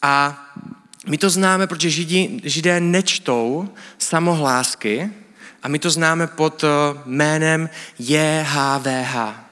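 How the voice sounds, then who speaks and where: Speaking in a slightly high voice with a sharp tone, a preacher gives a sermon using colloquial language and a relaxed, instructive style. It's recorded in a church hall that carries a long reverb.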